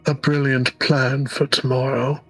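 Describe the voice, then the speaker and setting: A man reading a bright-voiced flattering royal advisor. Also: mid-range voice, a little slow, soft background music, low-quality recording. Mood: admiring. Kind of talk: reading game dialogue aloud.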